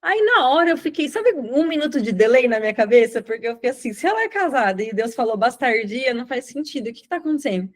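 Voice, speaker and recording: Lively Brazilian woman teaching. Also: high voice, fast, hardly any pauses. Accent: Brazilian Portuguese. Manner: lively storyteller, acts out quoted dialogue, frequent "né?" and "tá?". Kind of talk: informal Bible class with a personal testimony.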